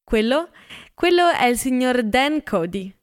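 A woman reading an eager, hurried rich young man. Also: sits high, big pitch swings, voice pushed up. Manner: hurried, insistent.

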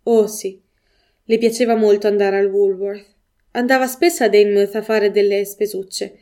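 A woman's voice: mid-range voice, fairly even intonation, moderate pace, mellow, lightly acted. A woman reading the lines of a shaken father, a retired army major, in short stunned replies. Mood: subdued.

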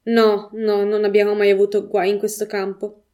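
A woman's voice: medium pitch, monotone, normal speed, darkish tone, close to an everyday voice. A woman reading the lines of a shaken father, a retired army major, in short stunned replies. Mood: subdued.

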